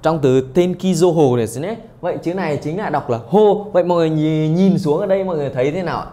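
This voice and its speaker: A man's voice: fairly high pitch, quick pace, mellow. A young man teaching a Japanese exam-prep lesson online. He keeps checking in with his students and mixes Japanese phrases into his talk.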